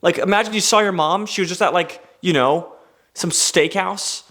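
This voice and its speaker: A man's voice: high voice, normal speed. A young man hosting a comedy show, ranting in a stand-up style monologue, cursing freely and slipping into mock voices. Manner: animated, swearing, jumps into mock voices.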